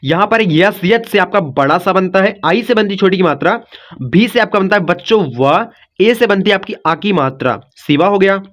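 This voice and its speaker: A man's voice: high voice, lively intonation, normal speed, fairly bright tone. A man from India teaching a step-by-step spelling lesson. He talks in a repetitive, coaxing way, checking in after nearly every line. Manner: repetitive, coaxing, says "ठीक" and "बच्चों" often.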